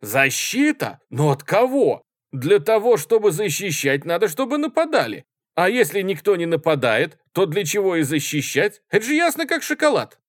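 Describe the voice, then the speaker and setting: A young male student who is sure he is right argues at full volume in a storybook scene, played by the reader. His voice jumps high and swings widely as he hammers his points. The recording is dry and close. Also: sing-song, normal speed, no echo. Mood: shouting. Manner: shouting, categorical. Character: dogmatic young male student, hot-headed debater.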